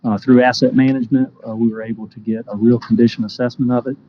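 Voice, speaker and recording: A man's voice: mid-range voice, flat delivery, quick pace. A man giving a conversational technical explanation as a utility official presenting to a committee. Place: indoor committee meeting. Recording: dull meeting audio, faint noise.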